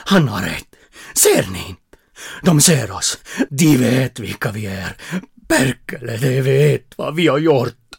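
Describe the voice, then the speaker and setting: A woman voicing a terrified, paranoid grown man who talks frantically and loudly in an audio horror story. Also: very deep voice, expressive, vocal fry, husky, voice pushed down, full character voice. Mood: paranoid panic. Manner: frantic, loud, urgent.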